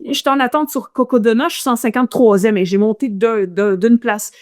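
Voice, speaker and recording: Animated Quebec French woman telling stories. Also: fairly high pitch, fairly quick. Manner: animated, full of restarts and fillers. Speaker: guest, ultramarathon runner. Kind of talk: casual interview storytelling.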